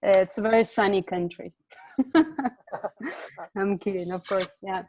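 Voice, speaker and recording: A woman's voice: medium pitch, takes it slowly, darkish tone, no room sound. A woman from Ukraine speaks over a video call from her home. She talks hesitantly, full of fillers and restarts, as a community organizer and guest. The sound is close and dry, with no room around it. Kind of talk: casual online talk.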